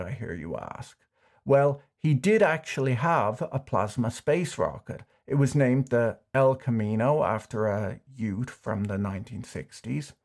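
A man hosting a scripted finance explainer, delivering it with dry, wry deadpan humor. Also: mid-range voice. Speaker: YouTube finance commentator.

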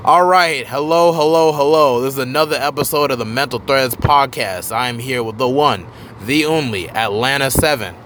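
A man's voice: mid-range voice, normal speed, fairly bright tone, a little hiss or hum. A man hosting a podcast, chatting in a loose, rambling way with casual swearing. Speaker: podcast host. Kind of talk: casual interview chat.

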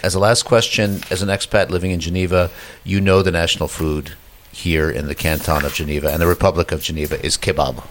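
A man co-hosting a podcast, making deadpan, mock-serious jokes. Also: low-pitched, fast talker, hardly any pauses, a little hiss or hum. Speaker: co-host. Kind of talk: casual podcast banter.

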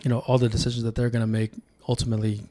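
A political candidate from Sacramento, California, whose first language was Tongan, appears as a guest on a casual podcast and reflects in a storytelling way. His voice is medium-pitched, monotone and dark, and he races through his words.

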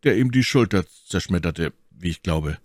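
A man reading an audiobook, voicing a blunt, hearty musketeer with a slow, emphatic delivery. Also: sits low, animated, dry recording, studio quality. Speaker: audiobook reader.

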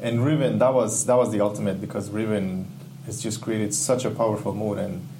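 Brisk and fairly low-pitched, the voice belongs to a man from Ecuador who is a game UI/UX artist, appearing as a guest in a casual interview. He is enthusiastic and reflective, pausing to find words, with a steady hum in the background.

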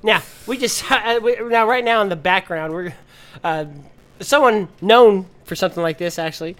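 A man's voice: sits high, moderate pace, a bit bright. A man co-hosting a casual podcast, laughing often as he reads news aloud. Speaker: podcast co-host. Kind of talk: casual chat.

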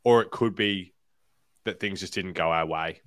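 A man with a lowish voice and an Australian accent co-hosts a football podcast. He chats casually, and the sound is very dry, with no room on it. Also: normal speed, fairly bright tone, no room sound. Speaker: podcast co-host.

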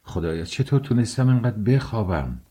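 A man's voice: lowish voice, sing-song, dark tone, breathy edge. A man voicing a sick, sullen young man. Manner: curt, irritable.

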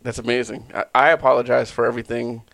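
A young man hosting a casual, crude podcast, joking loudly and excitably. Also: mid-range voice, fast talker, gravelly, dry recording. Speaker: podcast host.

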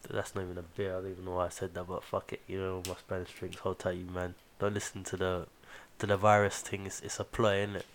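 A man's voice: sits low, completely flat delivery, fast, few pauses, a little hiss or hum. A man with a London roadman accent hosting a podcast in casual, slang-heavy chat, swearing freely. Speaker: podcast host.

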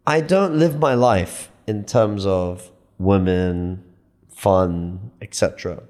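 A man in his late thirties arguing his point in a casual podcast chat, emphatic and animated, often repeating himself. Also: deep voice, takes it slowly. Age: 30s. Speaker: podcast guest.

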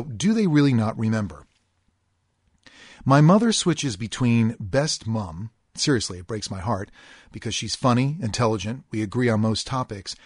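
Husky-voiced man hosting a podcast. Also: mid-range voice, no room sound, studio quality. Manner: earnest, deliberate, stretches key words. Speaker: podcast host. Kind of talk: podcast monologue reading a listener posting.

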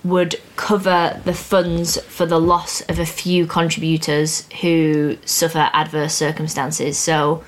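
A young woman hosts a casual finance podcast, breaking exam topics down in plain, upbeat talk. Her voice sits a little low. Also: flat delivery, slow pace, few pauses. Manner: explains plainly, chatty and upbeat. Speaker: podcast host teaching finance exams.

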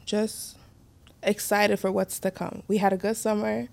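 A woman's voice: mid-range voice, level tone, vocal fry, a little mellow. Chatty young woman co-hosting a podcast. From United States. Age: 20s. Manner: chatty, laughs often, quick asides. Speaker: podcast co-host. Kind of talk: casual chat.

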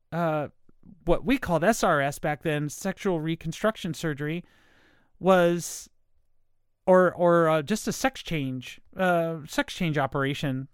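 A woman's voice: sits low, smooth, no echo, studio quality. American woman talking with dental aligners in. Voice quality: speech slightly impeded by dental aligners. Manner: rambling, circling back, apologetic. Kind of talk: casual unscripted monologue.

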